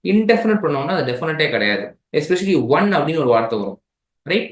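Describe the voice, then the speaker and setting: A man with a Tamil accent teaches an exam-prep grammar class in a slightly higher voice. He keeps checking in with his listeners as he explains. The room is echoey. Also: sing-song, fast. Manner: mixes languages, checks in with "right?".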